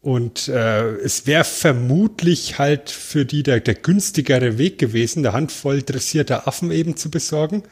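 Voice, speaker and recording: A man co-hosting a casual film podcast, explaining things in a joking, measured way. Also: medium pitch, husky. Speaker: podcast co-host.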